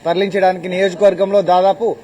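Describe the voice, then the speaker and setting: Brisk high-voiced male field reporter. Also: little pitch movement, mellow, muffled recording. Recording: faint ambient noise.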